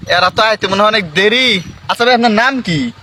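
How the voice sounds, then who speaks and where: High-voiced boastful man. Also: expressive, a little fast, sharp tone, slight background noise, poor audio. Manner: boastful and confrontational. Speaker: comedy sketch actor. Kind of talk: comic sketch dialogue.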